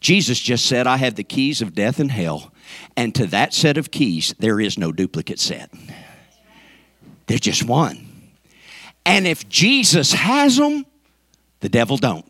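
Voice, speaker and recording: A man's voice: mid-range voice, animated, normal speed, fairly bright tone, breathy edge, dry recording, clean studio sound. A man preaching a sermon to his congregation, folksy and joking, swinging up into emphatic peaks. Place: church sanctuary.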